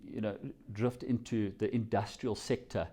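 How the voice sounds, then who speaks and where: A man's voice: fairly low pitch, fairly even intonation, normal speed, dark tone, breathy edge. A South African man answering interview questions, telling his story in a reflective, rambling way. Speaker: company CEO, guest.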